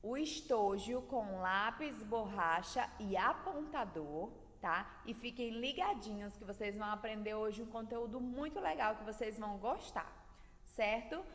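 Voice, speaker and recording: A Brazilian woman teaching young children, her fairly high voice rising and falling a great deal. She stretches out syllables and leans hard on the stressed ones. The long reverb of an echoey room trails after her words. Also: animated. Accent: Brazilian Portuguese. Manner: drawn-out syllables, sing-song stress on words. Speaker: primary school teacher. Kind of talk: recorded video lesson for children.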